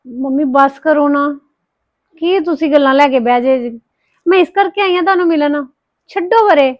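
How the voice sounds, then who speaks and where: A woman playing a married daughter in an emotional family drama, gentle and troubled. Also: sits high, moderate pace, no echo. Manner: gentle, troubled inner monologue. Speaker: married daughter visiting her mother. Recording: dull lo-fi sound with soft flute music.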